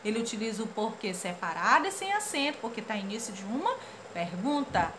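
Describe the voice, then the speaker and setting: A Brazilian woman teaches a children's grammar lesson in a bright, high voice. Her pitch leaps around as she acts out comic dialogue playfully. A faint hum of room ambience sits behind her. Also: big pitch swings, fairly quick. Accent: Brazilian Portuguese. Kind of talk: lively classroom lesson for children.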